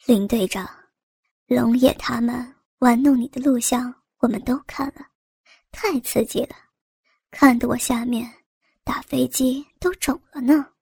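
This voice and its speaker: A woman voicing a sneering, insolent male police officer who talks in a low, mocking half-whisper. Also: expressive, moderate pace, creaky, pauses often, darkish tone, husky, dry recording, studio quality, exaggerated voice. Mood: taunting.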